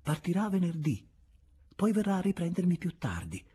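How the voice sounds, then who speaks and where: Un lettore che fa una signora raffinata dalla voce dolce e affaticata, in un audiolibro letterario. La voce sale di tono ed è fortemente velata, soffiata. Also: male voice, high-pitched, sing-song, moderate pace, dark tone, breathy edge, voice pushed up, full character voice. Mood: chatty. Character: gentle refined young noblewoman, soft and weary.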